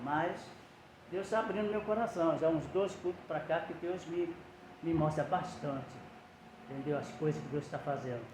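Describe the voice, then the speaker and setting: High-voiced man preaching in an echoey hall. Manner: conversational preaching that retells scripture with acted-out quotes. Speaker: lay preacher. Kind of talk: sermon. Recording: roomy echo, faint background noise.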